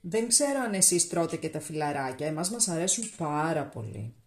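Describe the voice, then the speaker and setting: A Greek-accented cooking vlogger chats casually with viewers while walking through her cooking steps in a home kitchen. Her low voice swings widely in pitch, and the counter-mounted camera picks up an echoey room.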